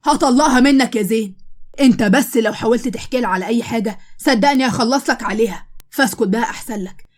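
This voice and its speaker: A woman's voice: fairly high pitch, quick pace, natural voice. A woman voicing a brusque, teasing young husband, with an Egyptian Arabic accent, in a storybook tale. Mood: threatening.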